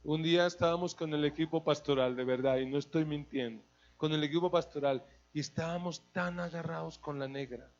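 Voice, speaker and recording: A middle-aged man, preaching a sermon as a guest preacher to a church congregation, animated and humorous. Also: on the high side, brisk, muffled recording. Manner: animated, humorous, acts out scenes. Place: church service.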